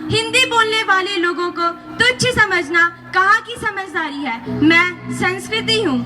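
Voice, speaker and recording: A reproachful spirit of Culture, played by a woman, speaks in a slow oratorical way. Her voice is very high. Loud music plays behind. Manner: speechlike, reproachful. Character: dignified female spirit of Culture.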